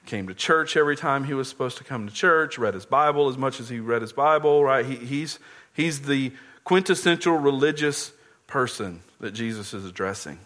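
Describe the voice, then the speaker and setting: A man's voice: medium pitch, normal speed, a bit bright. A man preaching a sermon, earnestly explaining scripture and often repeating words as he goes.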